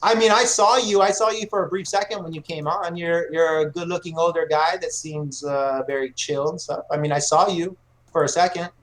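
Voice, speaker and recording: Brief: man in his forties, high-pitched, combative debater, boastful, keeps calling people brother. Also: fairly even intonation, brisk, fairly bright tone, poor audio. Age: 40s. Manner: combative, boastful, repeatedly calls others brother. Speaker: debate guest. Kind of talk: heated online debate.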